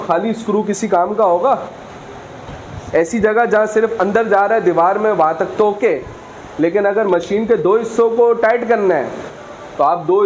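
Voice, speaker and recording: A man teaching a physics class, reading English lines slowly and explaining with frequent questions to students. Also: high voice, darkish tone, slight background noise, rough recording. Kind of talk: classroom lecture.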